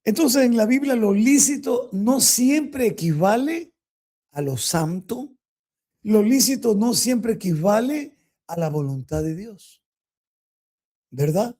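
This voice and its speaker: His voice sits high, warm and expressive, and he takes his time as he preaches a Bible teaching in sermon style. He is emphatic and fills the talk with rhetorical questions for his audience.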